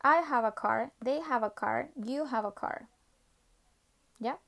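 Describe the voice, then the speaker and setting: Lady teacher, kinda high voice, goes over english rules real patient, keeps asking "ya?". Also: takes it slowly, gravelly, fairly bright tone. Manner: patient, repetitive, checks understanding with "¿ya?". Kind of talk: recorded online class explanation.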